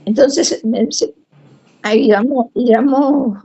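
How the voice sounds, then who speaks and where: A Rioplatense Spanish accent colors this woman's slow, high-leaning voice, which carries a breathy edge. She recounts a personal testimony with animation, giving voice to the people who appear in it.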